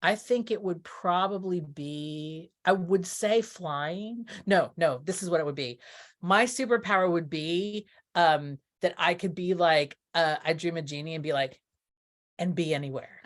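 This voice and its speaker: This interview guest, a middle-aged theatre producer from Texas in the United States, has a lowish voice and a measured pace. She responds casually, thinking out loud and revising her words midstream.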